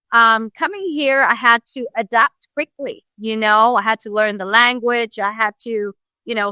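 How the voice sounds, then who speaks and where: A woman from Ghana, a real estate broker, telling her story as a guest in an earnest, animated way, with many fillers. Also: on the high side, clean tone, no echo. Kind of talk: casual interview storytelling.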